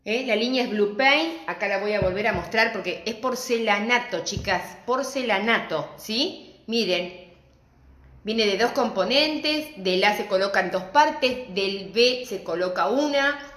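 A middle-aged woman with an Argentine accent, teaching a live-stream craft class and greeting viewers warmly and chattily. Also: mid-range voice, a little slow. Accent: Argentine Spanish. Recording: echoey room.

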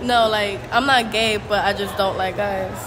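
A woman's voice: medium pitch, fairly even intonation, moderate pace. A woman answering street interview questions in an offhand, joking way, laughing between answers. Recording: outdoor street noise.

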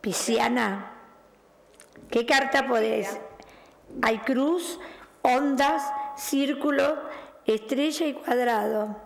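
A middle-aged woman with a Rioplatense Spanish accent hosts an on-air tarot reading, chatting affectionately with a caller she calls "mi cielo" and "querida." Her voice, still recovering from having been lost, is a little high with vocal fry, drawn-out words, and long pauses.

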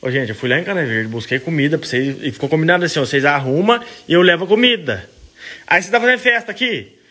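Man, high voice, very animated, casual vlog chat, faint noise. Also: fast. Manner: lively, teasing and laughing with animals. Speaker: vlogger.

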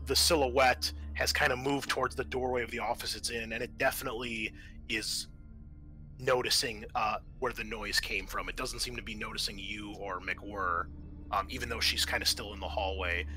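A man with a fairly low voice serves as game master for a tabletop roleplaying game. His scene descriptions come out casual, improvised, and a bit hesitant.

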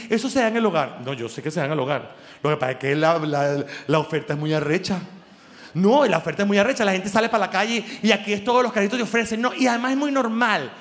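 A Venezuelan man doing an animated stand-up comedy monologue, laughing and acting out quoted voices. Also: sits high, big-room sound. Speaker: comedy show host.

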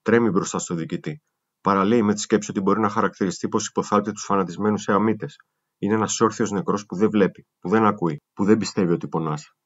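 A man reading a first-person memoir aloud in a steady, grave storytelling manner. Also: lowish voice, slightly rough. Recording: muffled lo-fi recording.

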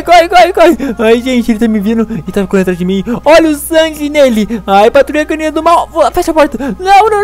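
Male gaming YouTuber, very high pitch, rapid, jumpy delivery. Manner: jumpy and excitable, talks to game characters. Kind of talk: excited gameplay commentary.

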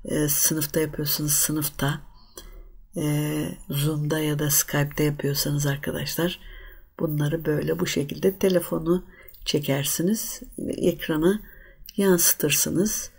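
A woman's voice: low-pitched, flat delivery, slow pace, gravelly, a little mellow, breathy edge. A woman teaching an Arabic grammar lesson, explaining patiently and often addressing her students directly.

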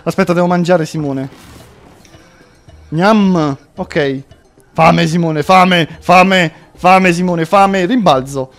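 A man's voice: high voice, slow pace, soft background music. A young man hosting a gameplay video, joking with a friend and breaking into theatrical yelps. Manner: jokey, theatrical, bursts into mock yelps. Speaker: gaming video host. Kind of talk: playful gameplay commentary with a friend.

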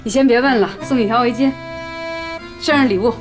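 An actress playing a plucky woman in a television drama who insists on standing on her own feet, speaking briskly and firmly. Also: fairly high pitch, music in the background, natural voice. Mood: cheerful. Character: plucky woman, stubbornly self-reliant. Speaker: laid-off woman starting over.

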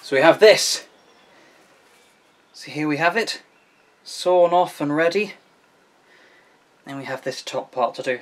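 Chatty man, slightly high voice. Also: a little slow, pauses often. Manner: chatty and self-deprecating, explains as he works. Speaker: woodworking video host. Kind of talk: casual how-to demonstration.

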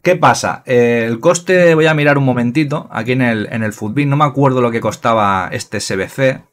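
A man giving casual, excitable gameplay commentary, swearing freely and filling pauses with fillers. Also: mid-range voice. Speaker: gaming youtuber.

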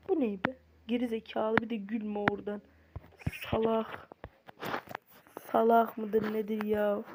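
A woman doing casual let's-play commentary, excitable and swearing as she exclaims at the game and talks straight to her viewers. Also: a little high, creaky, background noise. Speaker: gaming YouTuber.

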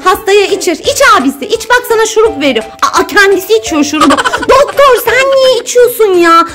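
A young woman, a mother, playfully coaxing and narrating her children's pretend doctor game in a casual home video. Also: very high voice. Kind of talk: casual family play. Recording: music playing under the voice.

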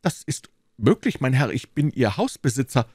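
A man voicing an anxious, fussy middle-aged landlord in an audiobook, in a high, strained, wordy and timid voice. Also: big pitch swings, normal speed, darkish tone, husky, no echo, clean studio sound. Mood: fretful. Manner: wordy, timid, eager to please. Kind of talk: audiobook reading.

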